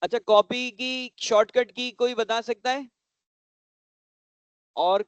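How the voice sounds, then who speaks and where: High-voiced male computer teacher. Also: steady tone, clean tone, no echo, muffled recording. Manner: often checks if the class understands; repeats points slowly and patiently. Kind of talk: classroom lesson for children.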